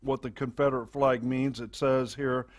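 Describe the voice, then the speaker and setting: A man preaching a sermon to his congregation into a pulpit microphone, in a halting delivery full of fillers and restarts. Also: medium pitch, little pitch movement. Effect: speaking into a pulpit microphone. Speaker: pastor.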